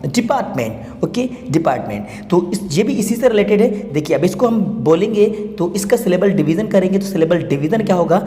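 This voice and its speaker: A man hosting an English lesson, explaining syllable division slowly and repeating each word part by part. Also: sits high, animated, mellow. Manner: slow and repetitive, spells words out syllable by syllable. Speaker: English teacher, channel host.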